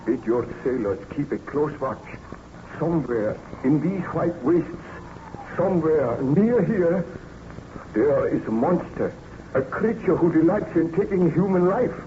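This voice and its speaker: In a dull, noisy old radio recording, a man with a fairly high, expressive voice speaks at a measured pace. He plays a tormented, guilt-ridden nobleman scientist in formal, theatrical old-time radio drama style, sounding urgent and haunted. His manner is grave and melodramatic, with formal stage diction.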